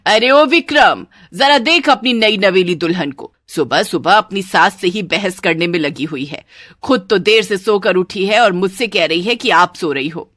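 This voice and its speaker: A woman's voice: lowish voice, measured pace, fairly bright tone, no echo, studio quality. A woman doing a bossy mother-in-law. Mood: scolding. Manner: scolding, domineering. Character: bossy scolding middle-aged mother-in-law. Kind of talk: Hindi storybook voice acting.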